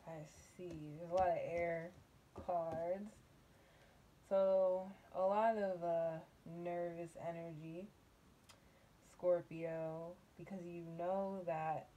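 A woman giving a casual tarot reading, musing and unhurried, humming and laughing softly between thoughts, from a table in a small dim room. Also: on the low side, a little hiss or hum. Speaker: tarot reader.

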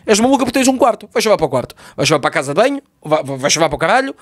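Rapid, sarcastic man. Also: fairly high pitch, big pitch swings. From Lisbon, Portugal. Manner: sarcastic, profane, exasperated. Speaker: comedian. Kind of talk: comedic TV recap rant.

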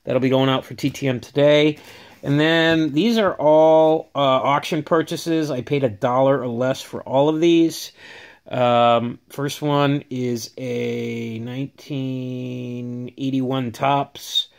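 A man's voice: mid-range voice, steady tone, takes it slowly, creaky, clear, resonant tone. Rambling casual man showing collectibles. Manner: rambling, filler-heavy, upbeat. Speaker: autograph collecting vlogger. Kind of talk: casual show-and-tell vlog.

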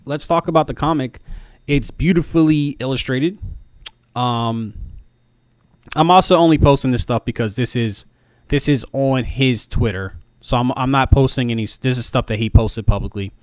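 A man in his thirties giving casual review commentary, halting and often repeating words. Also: mid-range voice, darkish tone, dry recording. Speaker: video commentator. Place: small room at home. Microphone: close desk microphone, headphones on.

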